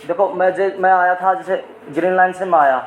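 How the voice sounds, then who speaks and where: Man complaining fast and loud-ish, high voice, keeps insisting, echoey station hall. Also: steady tone, a little hiss or hum. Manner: insistent, repeats himself, talks over others. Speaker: metro passenger making a complaint. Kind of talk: heated argument.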